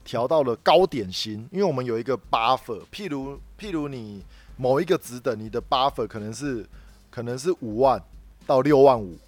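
A man's voice: medium pitch, lively intonation, moderate pace. A man with a Taiwanese Mandarin accent, co-hosting a casual podcast chat and telling a long work story that circles back on itself, with many repeated words. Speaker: podcast co-host.

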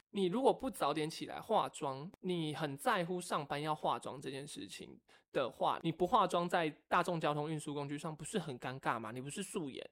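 A young man, co-hosting a casual podcast and telling stories with wry, animated complaints. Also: fairly high pitch. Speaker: podcast co-host. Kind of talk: casual chat.

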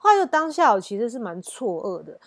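A woman, telling a personal story in a casual podcast chat, blunt and lively. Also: a little high, fast, dry recording, clean studio sound. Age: 30s. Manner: blunt and animated, acts out heated phone quarrels. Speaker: podcast host.

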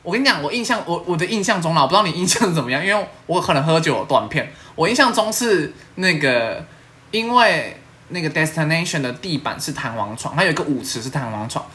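Her low voice moves fast as this young Taiwanese Mandarin-accented woman hosts a laid-back podcast. She tells stories with lively energy, frequent laughter, and playful swearing.

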